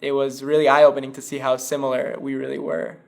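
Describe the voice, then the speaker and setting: A young man from Colombia speaks in a casual, upbeat interview. His voice is strongly creaky, and he leans on lots of fillers. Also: mid-range voice, little pitch movement, fast talker. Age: young adult. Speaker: student in the program. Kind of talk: interview testimonial.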